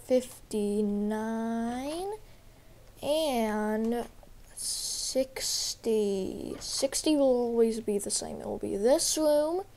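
Speaking very slowly in a highish, mellow voice, a young woman who makes gaming videos on YouTube narrates a relaxed walkthrough. She is sick, which roughens her voice slightly, and her commentary wanders and hesitates, thick with fillers.

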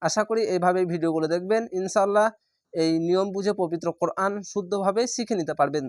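Slow letter-by-letter Quran teacher. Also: medium pitch, dry recording, clean studio sound. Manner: spells out each syllable letter by letter, then chants the word slowly; calm instructive explanations between recited words. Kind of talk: step-by-step recitation lesson.

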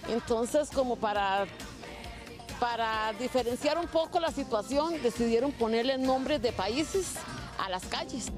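A Costa Rican woman in her fifties talks into a handheld mic in an outdoor park, her voice a touch high. She explains in a loose, conversational way, restarting her phrases now and then. Music plays under her. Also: lively intonation, measured pace. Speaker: neighborhood resident interviewee. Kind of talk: casual interview. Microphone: handheld reporter mic. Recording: music bed behind.

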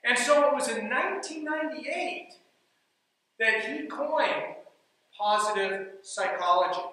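Heard from afar in an echoey hall, a man speaks emphatically on a dark stage about leadership and coaching, returning again and again to his key phrases. His voice is very high-pitched and sharp.

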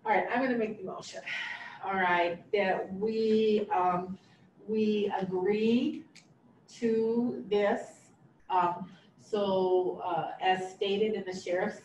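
A woman's voice: mid-range voice, steady tone, slow pace, a little mellow. A woman on a county board making a motion at a meeting, informal and thinking aloud. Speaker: county supervisor. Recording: roomy, distant mic, faint hum.

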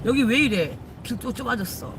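A woman's voice: on the high side, animated, normal speed, gravelly, noisy background. A woman, a shaman chatting casually with viewers on a live stream from her car, teasing and swearing freely. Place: in a car while driving.

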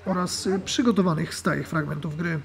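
High-voiced man narrating a match report. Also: gravelly. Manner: measured narration with "e" fillers. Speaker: sports commentator.

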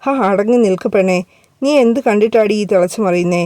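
A woman's voice: brisk, dark tone, dry recording, natural voice. A woman voicing a pushy possessive young man. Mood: menacing. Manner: low coaxing murmur.

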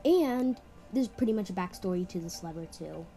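A woman's voice: lowish voice, expressive, normal speed, mellow. Young girl touring her game map, rambly, keeps saying pretty much, music playing. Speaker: map builder giving a tour. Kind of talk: casual game walkthrough.

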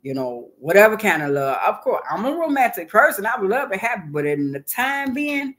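A woman's voice: mid-range voice, very animated, brisk, a bit bright. A woman guest on an interview show, talking casually and earnestly, repeating phrases for emphasis. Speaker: guest, hip hop artist and author.

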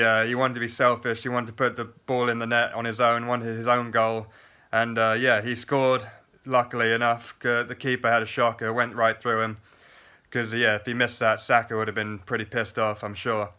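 A young man gives a casual, chatty post-match review straight into his phone in a small plain room. His voice is bright and clear, held on a fairly level pitch, full of "uh"s and restarts. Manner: chatty, lots of fillers and restarts, excited play-by-play. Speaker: football fan vlogger. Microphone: phone camera at arm's length.

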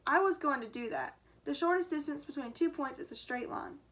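Teacher lady doing a bragging little kid, high and excited, storybook voice. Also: brisk. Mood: boastful. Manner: excited, boastful. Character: cocky young boy gamer.

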